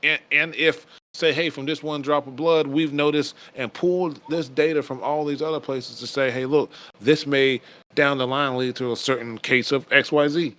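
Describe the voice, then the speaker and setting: A man's voice: medium pitch, steady tone, normal speed, fairly bright tone. Rambling, casual male podcast co-host. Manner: rambling, restarts often, swears casually.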